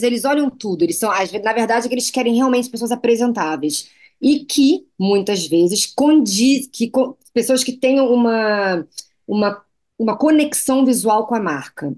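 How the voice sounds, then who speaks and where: A Brazilian woman with a Brazilian Portuguese accent, a fashion designer telling lively anecdotes as a guest in a TV interview. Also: mid-range voice. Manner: lively anecdotes, slips into foreign phrases. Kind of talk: TV interview storytelling.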